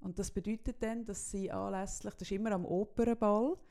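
Brief: young Swiss woman, podcast host, animated casual storyteller. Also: medium pitch, a little fast. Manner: animated, quotes others in lively back-and-forth.

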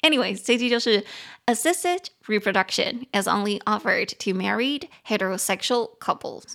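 Host: woman, Taiwanese Mandarin accent, casual podcast English lesson, chatty, spells words out slowly, corrects herself. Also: medium pitch, lively intonation, vocal fry, fairly bright tone.

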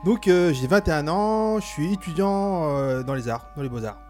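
Young male art student, played by a man; halting, slightly high voice. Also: animated, darkish tone, natural voice. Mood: playful. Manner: hesitant, halting. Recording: faint music behind.

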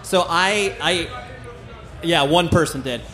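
Taking his time, a podcast host from California interviews someone live on a music festival stage, with festival noise in the background. The American man sounds chatty, effusive and casual, his voice fairly high-pitched with a fairly bright tone.

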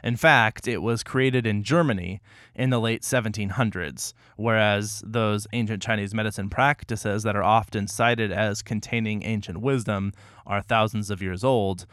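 A man with a lowish, smooth and resonant voice talks through a topic on a podcast. He sounds measured and a little wry. The recording is dry and close, with no room sound. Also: steady tone, fairly bright tone, no echo. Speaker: podcast co-host. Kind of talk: casual explanatory podcast chat.

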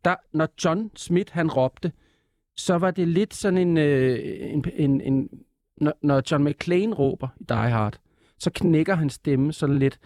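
A man, a TV presenter, chatting as a guest in an interview, animated and full of stammering restarts. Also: on the high side, no room sound, studio quality. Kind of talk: casual interview chat.

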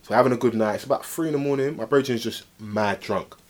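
A man with an urban London roadman accent and slang, telling anecdotes in animated, boastful group banter. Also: medium pitch, fast. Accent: London, urban street style (roadman).

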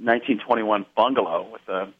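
A man calling in to a radio show over a phone line, speaking in a friendly but halting way with many pauses. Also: fairly low pitch, breathy edge.

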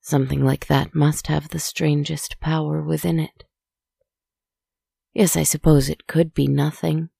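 Low, creaky, hushed woman's soothing storytelling. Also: little pitch movement, dry recording, studio quality. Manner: slow, deliberate, poetic phrasing. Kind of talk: soft, scripted guided relaxation storytelling.

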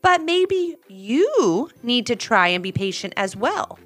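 A woman voicing an eager young boy looking forward to his birthday, excited and a little sneaky. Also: on the high side, slow, no echo, voice pushed up, full character voice.

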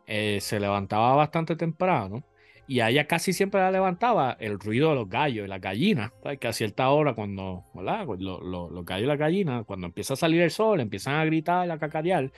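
Man, mid pitch, measured storytelling, dry close sound. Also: sing-song, no echo, soft background music. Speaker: podcast co-host. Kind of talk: casual storytelling chat.

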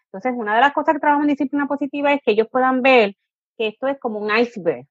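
A woman's voice: high voice, racing, dry recording, muffled recording. A woman, an educator and coach, answering interview questions and explaining patiently, now and then acting out what a parent or a child says. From Puerto Rico. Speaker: positive discipline educator and coach.

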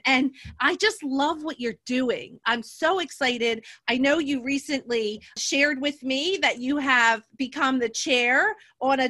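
A woman's voice: high-pitched, sharp tone. A woman hosting an interview show in a conversational, effusive and gushing manner.

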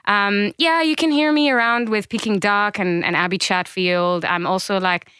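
A woman's voice: medium pitch, moderate pace, bright, forceful tone, a little hiss or hum. A woman from Jordan guesting on a podcast, chatting casually and enthusiastically with a giggly manner. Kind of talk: casual chat.

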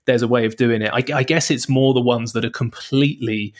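A man hosting a casual podcast chat, quick and agreeable. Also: mid-range voice, fairly even intonation.

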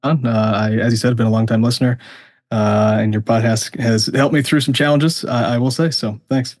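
Guy from hawaii being interviewed, casual, stop-and-start talker, mid pitch, dry audio. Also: steady tone, a little fast, darkish tone, no room sound. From Hawaii, USA. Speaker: interview guest, tech entrepreneur.

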